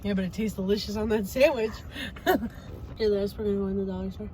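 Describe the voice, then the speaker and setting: A young woman hosting a relaxed eating vlog from a parked car, chatty and giggly. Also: mid-range voice, quick pace, a little hiss or hum, rough recording. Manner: laid-back, giggly, chatty. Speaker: vlogger host. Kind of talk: casual chat while eating. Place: parked car in a parking lot.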